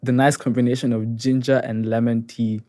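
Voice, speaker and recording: A man's voice: mid-range voice, little pitch movement, moderate pace, warm tone. A young man co-hosting a podcast, talking casually with playful, upbeat emcee flourishes. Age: young adult. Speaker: podcast co-host.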